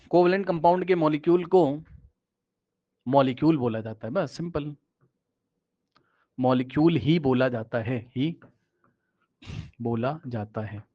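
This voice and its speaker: A man with a fairly high voice explains chemistry in a loose, conversational way, repeating phrases and checking that his students follow. He often drops his voice lower as he points things out on screen. The recording sounds slightly dull and lo-fi. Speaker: chemistry teacher. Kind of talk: casual classroom explanation.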